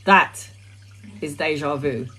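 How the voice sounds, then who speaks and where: A woman's voice: low voice, slow pace, fairly bright tone, slightly rough, rough recording. A middle-aged woman chatting casually on a live stream, answering viewers' questions as a tarot reader in a blunt, sweary, rambling way.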